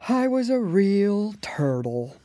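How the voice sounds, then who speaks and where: A woman voicing a sorrowful male Mock Turtle creature in a storybook, speaking in a deep, hollow, slow voice. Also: sing-song, dark tone, no echo, studio quality, exaggerated voice. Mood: mournful.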